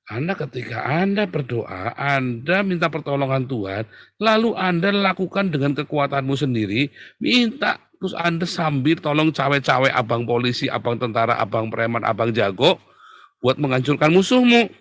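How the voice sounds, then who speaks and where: A man preaching a sermon in a colloquial, teasing way, swinging from loud outbursts to near-whispers. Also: mid-range voice, big pitch swings, normal speed. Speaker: pastor.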